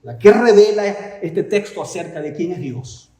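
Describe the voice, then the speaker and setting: Male preacher, fairly high voice, emphatic rhetorical delivery, roomy echo. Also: expressive, moderate pace, mellow. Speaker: pastor. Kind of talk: sermon.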